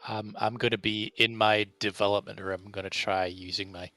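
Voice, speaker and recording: A man's voice: fairly low pitch, little pitch movement, brisk, bright, forceful tone, dry recording, soft background music. A man chatting casually as a player in a tabletop game.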